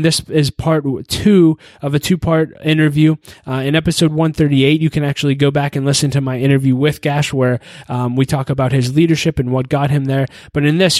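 A man's voice: mid-range voice, darkish tone, no echo, studio quality. A man hosting a leadership podcast, reading an upbeat intro and sponsor message. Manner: upbeat, promotional. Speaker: podcast host. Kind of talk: scripted podcast intro and interview.

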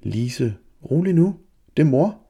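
Kind, calm mother, soft reassurance, man putting it on. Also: mid-range voice, gravelly, lo-fi sound, pitched above the performer's own voice. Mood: soothing. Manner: soothing, kind.

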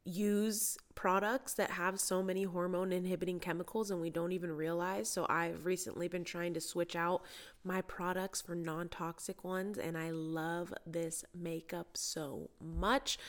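A woman hosting a solo podcast in a casual, chatty way, with a stuffy, congested nose from a cold. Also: fairly low pitch. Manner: chatty, informal. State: has a cold. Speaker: podcast host and mindset coach.

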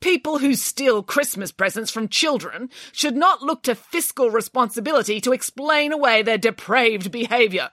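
A woman's voice: fairly high pitch, expressive, normal speed, few pauses, fairly bright tone, no room sound, studio quality, voice pushed up. A woman voicing a brash, greedy nanny who talks in a haughty, indignant, grandly scornful way. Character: brash greedy self-assured nanny, female adult.

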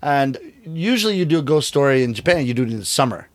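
A man's voice: medium pitch, fast, no echo. A middle-aged man, a rakugo storyteller, talking in a casual interview and acting out the voices of people in his stories. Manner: animated storyteller, acts out quoted voices.

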